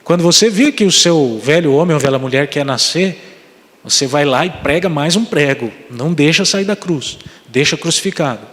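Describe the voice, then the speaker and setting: Brazilian Portuguese pastor in reverberant church. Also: male voice, on the high side, expressive, normal speed, fairly bright tone. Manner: earnest, appealing to the congregation. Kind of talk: sermon and prayer. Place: church sanctuary.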